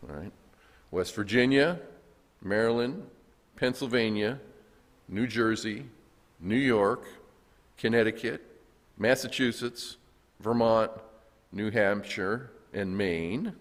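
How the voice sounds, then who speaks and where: A man with a Southern American accent delivers a sermon in a church sanctuary, his low voice rising and falling in animated swings. He talks in a folksy way, joking and trading call-and-response lines with the congregation. A long reverb trails his words through the hall. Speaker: guest pastor.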